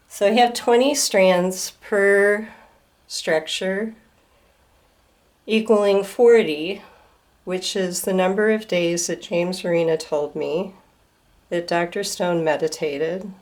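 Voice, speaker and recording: Filmed by a camera trained on her display, a woman presents a handmade craft project from home in a slow show-and-tell. Her lowish voice is a bit hoarse from an oncoming cold, and her manner is gentle, with unhurried pauses over details.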